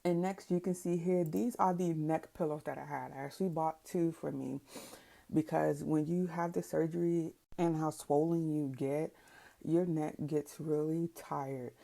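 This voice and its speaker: Female vlogger, very low pitch, heavy vocal fry, casual explanatory delivery. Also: steady tone, a little slow, warm tone. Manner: conversational, explanatory. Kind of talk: casual product recommendation vlog.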